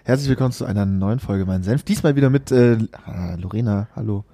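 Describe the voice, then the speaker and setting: Mellow-voiced man hosting a casual podcast. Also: lowish voice, brisk, dry recording. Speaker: podcast host.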